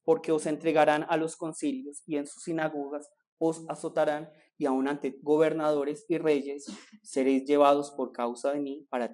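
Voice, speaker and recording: A pastor delivers a sermon, his voice sitting a little higher than most men's. He drives his points with rhetorical questions and rising emphasis, now and then slipping into mocking, whiny quotes of his listeners. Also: a little mellow.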